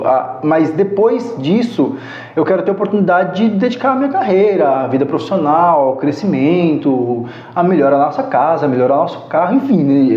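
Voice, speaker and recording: A man's voice: a little high, dark tone. A Brazilian man in his thirties telling heartfelt personal stories as a podcast guest. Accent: Brazilian Portuguese. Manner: earnest, heartfelt storyteller. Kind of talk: casual storytelling interview. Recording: echoey room, muffled sound.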